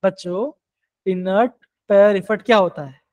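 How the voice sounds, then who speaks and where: A man's voice: high voice, fairly even intonation, moderate pace, darkish tone, low-quality recording. A male chemistry teacher, teaching a live online class and coaxing students with repeated questions.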